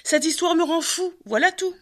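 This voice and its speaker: An earnest, wise storybook man who talks with worried, lively feeling, as a woman reader puts him on. The voice sits high and bright. Her reading stays close to her own natural voice. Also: moderate pace.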